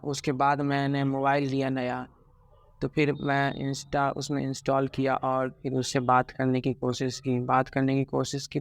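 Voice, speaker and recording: A heartbroken young man speaks haltingly in a personal vlog, stopping and restarting often. His voice stays flat and low-key, with little rise or fall. The sound is dry and close, with no room around it. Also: clean tone, dry recording. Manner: halting, many fillers and restarts, subdued and regretful. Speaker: vlogger.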